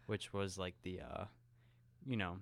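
A man co-hosting a film podcast, talking in a relaxed, conversational way. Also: sits low, measured pace, gravelly, no room sound, clean studio sound. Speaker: podcast co-host. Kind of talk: casual film podcast chat.

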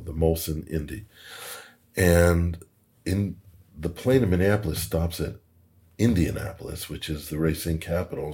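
In Toronto, a male podcast guest shares stories in a husky, darkish, rumbling low voice. His delivery is conversational, peppered with chuckles and repeated words while he gropes for the right one.

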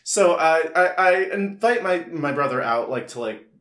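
Man, podcast guest, halting casual story, bright forward voice, roomy echo. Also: a little high, lively intonation. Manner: halting, many restarts and likes.

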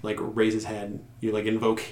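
A man narrating a tabletop game as game master, halting and full of fillers as he describes the scene. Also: lowish voice, completely flat delivery, a little mellow, reverberant. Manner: halting, with many fillers and restarts.

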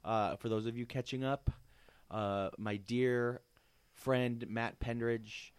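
A man hosting a comedy podcast, telling absurd stories deadpan with lots of ums and uhs. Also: mid-range voice, slow, smooth, dry recording. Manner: deadpan, absurd jokes with many fillers. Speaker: podcast host. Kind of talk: casual comedic podcast chat.

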